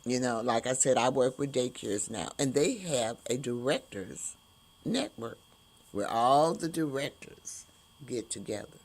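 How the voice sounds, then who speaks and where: A woman hosting an inspirational podcast, speaking in slow, drawn-out emphatic phrases. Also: rumbling low, expressive, a little mellow. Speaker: host.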